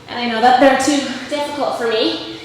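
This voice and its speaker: Briskly and in a high, steady voice, a woman fitness instructor offers coaching and encouragement mid-workout, a little out of breath as she strains through push-ups and lunges. The recording comes from a very echoey room with faint background noise.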